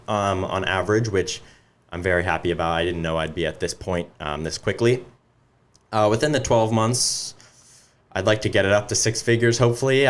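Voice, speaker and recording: A young man speaking as a guest in a casual interview, in a relaxed way with many ums and likes. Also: fairly low pitch. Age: young adult. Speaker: guest business owner.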